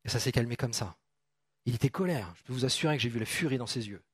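A man's voice: medium pitch, quick pace, slightly rough, dry recording, studio quality. A man preaching an informal sermon, reading Bible verses and talking chattily with his congregation, often repeating phrases. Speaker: pastor.

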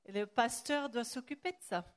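A woman's voice: fairly high pitch, moderate pace. A woman interpreting a sermon phrase by phrase, sometimes hesitating with fillers and correcting herself.

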